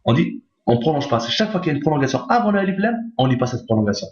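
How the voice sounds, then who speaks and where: A man gives a step-by-step reading lesson, patient and repetitive, checking in after each rule. His voice sits in a roomy space with a dull, lo-fi tone. The pitch is middling. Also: big pitch swings, very fast. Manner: patient, repeats each point, checks with "d'accord?". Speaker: Arabic reading teacher. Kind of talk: recorded lesson explaining on screen.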